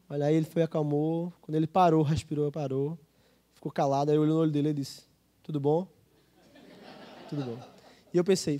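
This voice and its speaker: Male Brazilian pastor, conversational sermon delivery, high-pitched and warm. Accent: Brazilian Portuguese. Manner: storytelling, conversational with quoted dialogue.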